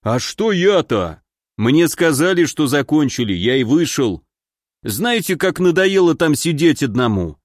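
A man's voice: a little high, very animated, no room sound, studio quality. A man doing a panicky, whining big guy. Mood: pleading. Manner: panicky pleading, drawn-out protests. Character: panicky big burly man, whiny and stubborn. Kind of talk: audiobook character voice.

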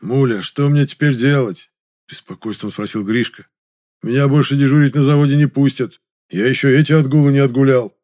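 A man voicing a hoarse, injured working-class man in a spoken audiobook story. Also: on the low side, normal speed, a little mellow, close to an everyday voice. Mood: complaining. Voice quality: hoarse, wheezing.

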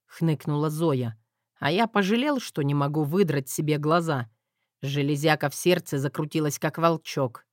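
A man's voice: on the high side, normal speed, no room sound, clean studio sound. A man narrating a first-person audiobook in a wry, self-mocking way.

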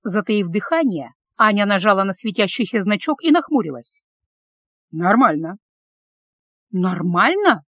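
Expressive woman audiobook narrator. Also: mid-range voice, fairly quick, dry recording, studio quality. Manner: expressive, emotional reading.

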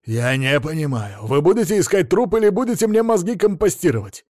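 A man voicing a drunk, red-faced, bullying millionaire, shouting and blustering in an audiobook. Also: on the high side, sing-song, brisk, no echo, clean studio sound, voice pushed up. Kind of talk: audiobook character voice.

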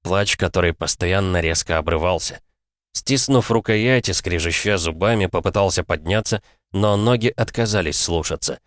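A man narrating fiction for an audiobook in a measured, dramatic way, on a close mic. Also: low voice, no room sound.

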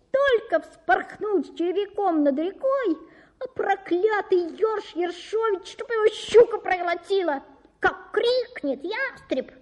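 A woman voicing a small hot-tempered male sparrow who shouts, breathless with rage. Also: very high-pitched, voice pushed up.

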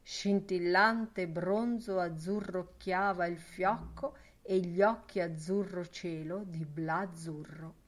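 A woman narrating a literary audiobook in a measured, lyrical way. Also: fairly low pitch, fairly even intonation. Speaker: audiobook reader.

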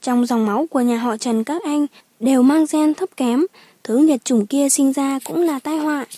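A woman's voice: fairly high pitch, steady tone, fairly quick, warm tone, dry recording, lightly acted. A woman voicing a cold, vengeful young woman who sneers and screams back in an audiobook drama. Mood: shrieking. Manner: sneering, shrieking.

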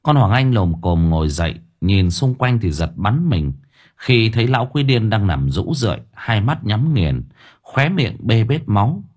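A man narrating a horror audiobook with expressive, dramatic storytelling. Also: on the low side, moderate pace, breathy edge. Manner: expressive storytelling with vivid sound words.

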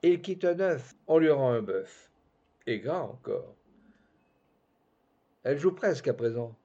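A man's voice: mid-range voice, big pitch swings, unhurried, mellow. A man putting on a mocking, gossiping society countess. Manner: teasing, mocking. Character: gossiping society countess, sharp-tongued, arch. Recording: dull lo-fi recording.

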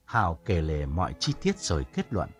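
Deep-voiced male story narrator. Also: wildly swooping pitch, fairly quick, husky, soft background music.

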